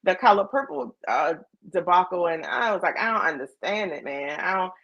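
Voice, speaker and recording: A woman from Charleston with a Lowcountry Geechee creole accent, chatting casually and quickly in informal slang as an interview guest. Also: lively intonation, a bit bright, no room sound, muffled recording. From Charleston, South Carolina, US. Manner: fast-talking, informal slang. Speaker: guest, music label owner and artist manager. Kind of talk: casual chat.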